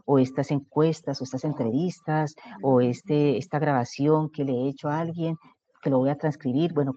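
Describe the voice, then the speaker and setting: A man's voice: a little high, dark tone. A man running a writing workshop, explaining step by step and putting questions to his audience. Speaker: workshop instructor. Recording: dull lo-fi recording.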